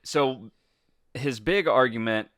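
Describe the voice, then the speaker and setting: A man's voice: medium pitch, takes it slowly, fairly bright tone, no room sound, clean studio sound. A man co-hosting a casual film history podcast, rambling through stories with frequent fillers and laughs. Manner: rambling storyteller, laughs often, many fillers. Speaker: podcast co-host.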